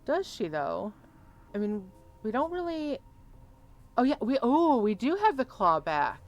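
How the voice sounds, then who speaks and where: A woman's voice: a little high, very animated, unhurried, dull audio, faint music behind. A woman commentating casually on a game as a streamer, reading dialogue choices aloud. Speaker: gaming streamer.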